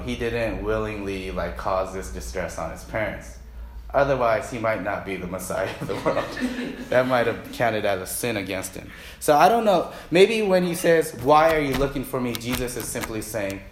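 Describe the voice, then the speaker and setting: A man's voice: on the low side, moderate pace, roomy sound, slight background noise. A man preaching in a casual, joking way, acting out the Bible characters as he tells a story to his listeners. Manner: animated, jokey, acts out Bible characters.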